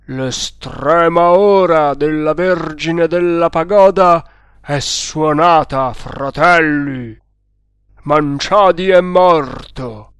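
A man booming as a fierce cult chief. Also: flat delivery, a bit bright, smooth, dry recording. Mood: commanding. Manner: thundering, slow, commanding. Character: fierce male chief of the stranglers.

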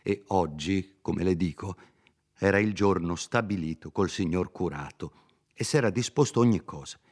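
An honest young village man, as a male reader acts him out pleads earnestly and hurries his words, pitched higher than the narration. He comes from a storybook reading of a classic novel. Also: moderate pace, darkish tone. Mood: pleading.

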